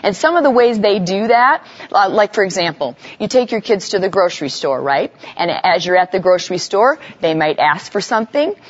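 A woman leads a live seminar for parents, talking to the audience in a loose, conversational way full of everyday examples. Her voice sits at an ordinary pitch for a woman. The live recording sounds a little dull and lo-fi. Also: lively intonation, a little fast. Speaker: parenting educator giving a live talk.

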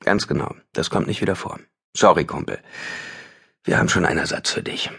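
A man's voice: sits low, fairly quick, gravelly, fairly bright tone, slightly rough, heavily acted. A man voicing a blunt male bandleader who curtly fires his friend from the band. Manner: curt, dismissive.

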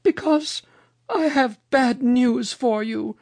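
A reader voicing Mother Goose, a kindly old storybook lady with a dramatic, drawn-out way of exclaiming. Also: medium pitch, gravelly, a little mellow, no echo, pitched above the performer's own voice. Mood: lamenting.

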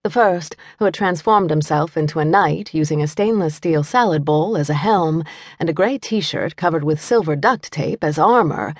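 A woman reading a mystery audiobook in clear, even scripted narration. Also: deep voice, no room sound, studio quality. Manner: clear, even storytelling, playful voices for the mother.

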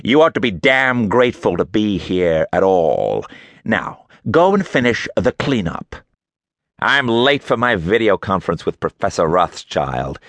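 A man's voice: fairly low pitch, animated, measured pace, fairly bright tone, no room sound, voice pushed up, exaggerated voice. A man voicing a haughty, contemptuous middle-aged archaeologist with a nasal New England accent.

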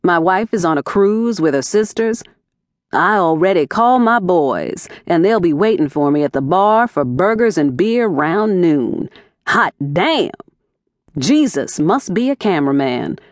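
A woman voicing a boisterous middle-aged male TV news cameraman who talks in a loud, folksy, sing-song way in an audiobook. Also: on the low side, animated, unhurried, no room sound, studio quality. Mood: rowdy, jovial.

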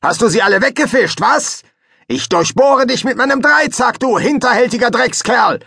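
A man voicing a furious foreign fisherman who shouts grand curses from another boat in an audiobook. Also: extremely high pitch, animated, slow, no echo, clean studio sound, pitched above the performer's own voice, heavily acted. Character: fisherman from abroad, furious, cursing rival.

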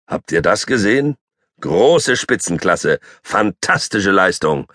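A man's voice: low-pitched, sing-song, takes it slowly, pushed and bright, no room sound, clean studio sound. A man narrating a children's audiobook as a boastful, grumpy three-legged tomcat. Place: recording studio. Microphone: close studio mic.

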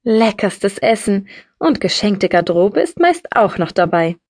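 A brash young woman in an audiobook, blunt and matter-of-fact, her voice rising and falling with lively swings, as a woman narrator puts her on. The sound is close and dry, with no room around it. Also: medium pitch, measured pace, dry recording. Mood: breezy.

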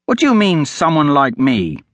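A man voicing a grown male traveler who carries swords, shouting over a crowd in an audiobook. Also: sits high, wildly swooping pitch, unhurried, no room sound, pitched above the performer's own voice, full character voice. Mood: indignant shouting.

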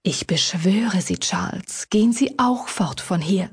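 A woman voicing a frightened older woman, the lady of a country manor, who pleads and sobs in a high-strung way. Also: expressive, measured pace, husky. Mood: anguished.

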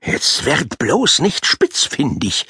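A man's voice: medium pitch, huge pitch swings, slow, bright, forceful tone, husky, no echo, studio quality, heavily acted. A man voicing an irate, pompous school director, a tall thin man, in a snapping, blustering manner for an audiobook. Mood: stern. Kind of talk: audiobook character voice.

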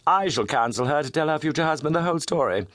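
A man doing a crisp, commanding Victorian detective. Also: fairly high pitch, animated, fast, fairly bright tone, dry recording, clean studio sound, pitched above the performer's own voice. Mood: firm. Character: sharp, proud Victorian male detective, middle-aged.

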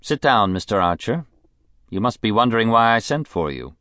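A man reading a novel aloud, voicing a middle-aged rich woman with a clear voice and a bitter, mocking edge. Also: lowish voice, very animated, normal speed, fairly bright tone, no echo, studio quality, voice pushed up. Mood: cool, bitter. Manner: languid, mocking, contemptuous. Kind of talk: audiobook character voice.

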